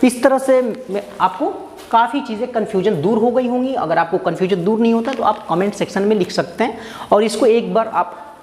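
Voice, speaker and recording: Male grammar teacher for a recorded lesson. Quizzes the viewer, then answers himself, and reads examples slowly. Recorded in a roomy space with a long reverb tail. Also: sits high, darkish tone, a little hiss or hum.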